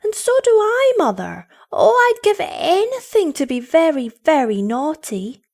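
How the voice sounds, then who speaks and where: Storybook child, acted by a woman: small girl, high and plaintive, begging with drawn-out cries. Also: big pitch swings, heavily acted. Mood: tearful longing. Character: two little girls, tearful, pleading, longing to be naughty.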